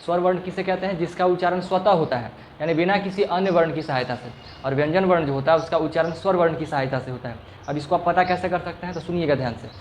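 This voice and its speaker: Speaking fast and with few pauses, a man with a high-leaning voice leads a classroom grammar lesson. He asks the same question over and over, stretches sounds to demonstrate them, and checks understanding frequently. Slight background noise can be heard.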